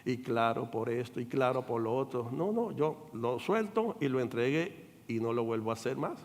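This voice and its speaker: An older man, a pastor, preaching a sermon with animated delivery, acting out quoted voices and checking in with the congregation. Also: medium pitch, moderate pace, big-room sound. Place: church sanctuary.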